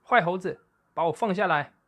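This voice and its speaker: A man voicing an excited young boy raised by wolves, shouting eagerly. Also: high voice, a little fast, voice pushed up. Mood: indignant.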